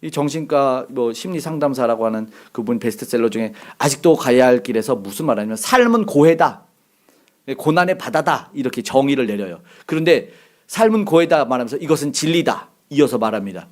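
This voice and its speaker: A middle-aged male pastor preaching a sermon, lively and acting out the voices he quotes. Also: mid-range voice, fast talker.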